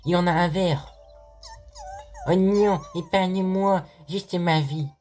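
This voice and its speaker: A man voicing a small, timid forest creature in a game, squeaky and whiny, with faint game music behind. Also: steady tone, slow, darkish tone. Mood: panicky.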